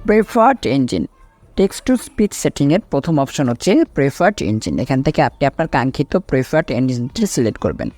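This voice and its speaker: Lively male tutorial presenter, medium pitch. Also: fast, soft background music. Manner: instructional, echoes each item then explains. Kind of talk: step-by-step spoken software tutorial.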